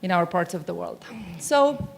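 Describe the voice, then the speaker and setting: Her voice sits on the low side, animated yet unhurried, with vocal fry. She is a middle-aged woman from Romania giving a keynote on a large conference hall stage with a mic, chatty and often questioning the audience.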